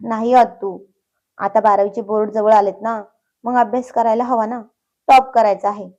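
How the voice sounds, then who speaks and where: A woman voicing a feisty teenage girl who protests quickly but turns shy, in a storybook reading. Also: fairly high pitch, little pitch movement, darkish tone, highs cut off, close to an everyday voice. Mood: eager.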